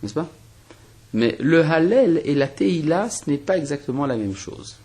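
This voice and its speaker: A man's voice: fairly high pitch, animated, normal speed, dark tone, slightly rough. A man from Algeria, a rabbi teaching a spoken lesson, explaining step by step with rhetorical questions and frequent restarts. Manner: hesitant restarts and fillers while reasoning.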